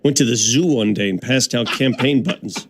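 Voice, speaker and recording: A man co-hosting a sports radio show, talking casually and joking, with halting restarts. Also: medium pitch, a little hiss or hum.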